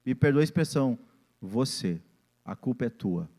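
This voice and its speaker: A man's voice: mid-range voice, expressive, normal speed, dark tone. A man, preaching a sermon as pastor and acting out family scenes in different voices.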